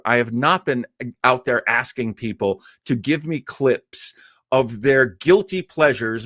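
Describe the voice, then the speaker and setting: Host of a livestreamed show for listening to classic radio, this man in his early sixties rambles casually with viewers and slips in jokes. His voice is medium in pitch with a fairly bright tone. The recording is dry and studio quality.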